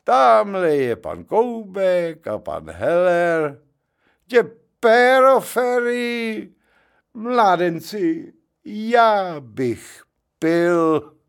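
A man's voice: high-pitched, very animated, vocal fry, smooth, pitched above the performer's own voice, heavily acted. A man playing a jovial, drawling drunk merchant. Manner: slow, drawling, loud and grandly tipsy. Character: tipsy middle-aged male paper merchant, cheerfully resigned.

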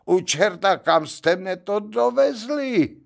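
A man's voice: high-pitched, lively intonation, gravelly, pitched above the performer's own voice. A man playing a jovial, drawling drunk merchant. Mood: indignant. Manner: slow, drawling, loud and grandly tipsy. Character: tipsy middle-aged male paper merchant, cheerfully resigned.

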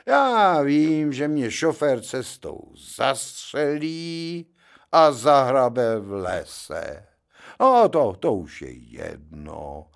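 A man voicing a tipsy middle-aged male paper merchant who talks slowly and loudly, grandly resigned to his fate, in a read-aloud story. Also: medium pitch, sing-song, gravelly, pitched above the performer's own voice. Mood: melodramatic. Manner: slow, drawling, loud and grandly tipsy.

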